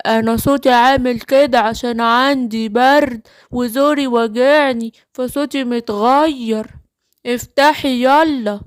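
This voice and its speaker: A woman doing a slow, low sly wolf villain. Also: steady tone, clean tone, no room sound, close to an everyday voice. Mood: coaxing. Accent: Egyptian. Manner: slow, menacing, gloating. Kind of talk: children's cartoon voice acting.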